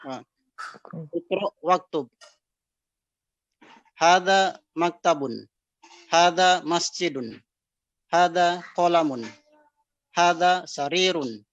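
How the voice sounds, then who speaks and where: A man with an Indonesian accent, a student reading aloud slowly and carefully in an online class. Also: on the high side, fairly bright tone, dry recording. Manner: reads slowly and carefully, hesitant. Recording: dull lo-fi online call audio.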